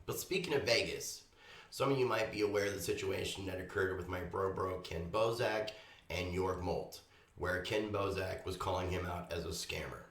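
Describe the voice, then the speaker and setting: A hoarse man hosting a show, reading his intro carefully and earnestly from prepared notes while recovering from a lost voice. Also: sits low, moderate pace, a bit bright. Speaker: host. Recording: echoey room, voice far from the mic.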